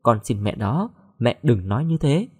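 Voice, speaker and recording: A man's voice: mid-range voice, sing-song, normal speed, dark tone, breathy edge. A man voicing a pleading heartbroken young woman. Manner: pleading, tearful.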